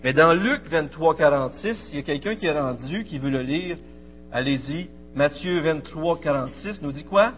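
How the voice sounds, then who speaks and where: Preacher, a man with a raised, higher voice, emphatic swells, dull recording, faint music behind. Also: expressive, moderate pace. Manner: emphatic, rising and falling preaching cadence. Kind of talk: sermon.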